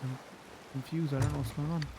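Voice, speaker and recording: A man's voice: a little high, fairly even intonation, fast talker, background noise. A man hosting a gaming video with casual commentary, hesitant and thinking aloud as he plays.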